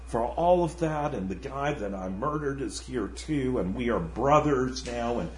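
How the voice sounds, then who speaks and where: A calm, forgiven man in heaven, as a male lecturer puts him on, speaking patiently and mildly. His tone is gentle and reassuring, and it rings in a roomy space. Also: medium pitch, measured pace, slight background noise, lightly acted. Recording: roomy echo.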